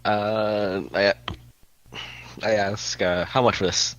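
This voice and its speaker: A man chatting casually as a tabletop game player, hesitant, low-key and halting, on dull lo-fi audio. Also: little pitch movement, a bit bright, no room sound.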